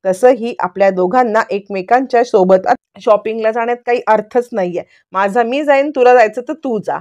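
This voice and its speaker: A woman's voice: a little high, normal speed, darkish tone, dull audio, close to an everyday voice. A woman voicing a boastful, quarrelsome young husband who brags and bickers. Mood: bickering. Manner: bickering, bragging, pushy.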